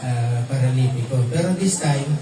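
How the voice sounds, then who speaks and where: A man's voice: mid-range voice, moderate pace, over music. A man teaching a verse-by-verse Bible study, quizzing his listeners with light laughs and mixing in English phrases. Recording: echoey room, mic far off, noisy.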